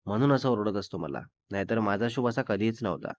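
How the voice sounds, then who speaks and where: A man's voice: on the low side, animated, brisk, dry recording, pitched below the performer's own voice, lightly acted. A man voicing a sulky young woman, a girlfriend who complains tearfully and makes demands in a petulant way. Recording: dull lo-fi dry recording.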